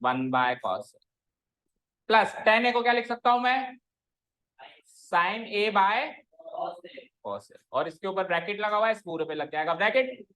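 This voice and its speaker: A male maths teacher explains each step of a solution to his class. He talks informally, mixes English terms into his speech, and keeps pausing to ask whether anyone is stuck. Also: sits high, lively intonation, sharp tone, low-quality recording. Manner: checks often for doubts, informal Hindi-English mix. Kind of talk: online class lecture.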